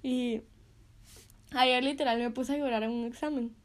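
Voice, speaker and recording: A woman's voice: a little high, fairly even intonation, moderate pace. A young woman sharing a casual devotional talk, chatty and full of fillers, often laughing between phrases.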